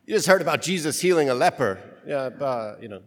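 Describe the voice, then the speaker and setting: Casting: American male priest for liturgy and homily, medium pitch, voice ringing in long cathedral echo. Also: expressive, brisk. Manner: casual, joking, loosely rambling in homily. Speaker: priest preaching at Mass. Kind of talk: liturgical reading and informal, conversational homily. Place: large reverberant church.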